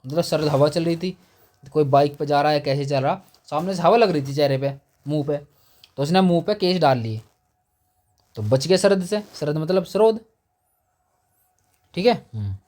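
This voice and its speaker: A man's voice: a little high, normal speed, long pauses, darkish tone. A man teaching exam memory tricks, explaining with playful rhymes and acted-out quotes. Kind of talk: exam mnemonic lesson.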